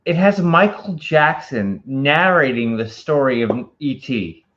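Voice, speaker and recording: A man's voice: on the high side, animated, a little slow, fairly bright tone, lo-fi sound. A man co-hosting a casual movie review, tipsy and rambling, given to wild overstatement.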